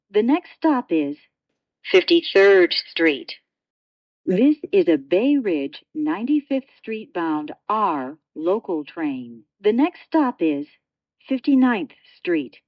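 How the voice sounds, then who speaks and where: Scripted train announcements come in short, segmented phrases from this subway announcer, whose voice is on the low side. The audio is dull, lo-fi transit sound with no room sound.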